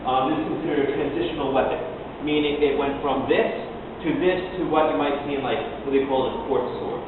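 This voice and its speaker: A fencing instructor delivers an explanatory lecture in a brisk, steady, mid-range male voice, acting out short quotes as he goes. He's picked up by a distant mic in a large, echoey hall, so the sound is tinny and noisy.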